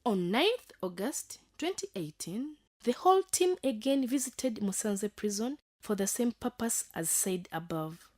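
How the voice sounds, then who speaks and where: A woman giving scripted documentary narration, reading in a measured, formal way. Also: mid-range voice, expressive, a little mellow.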